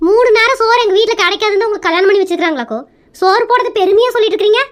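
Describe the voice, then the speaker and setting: A woman's voice: very high-pitched, racing. A woman performing a nagging, sarcastic wife in a comedy sketch. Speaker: comic sketch actor playing a wife.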